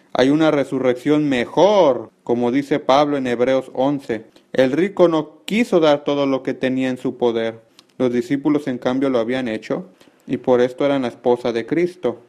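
Man, preacher, sermon, earnest, mid-pitched voice, explains scripture. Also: darkish tone. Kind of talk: sermon, Bible study.

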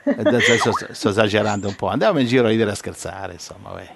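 A man's voice: lowish voice, racing, gravelly, background noise. A man hosting an informal religious online chat, talking in a joking, teasing way. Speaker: host of a religious online talk.

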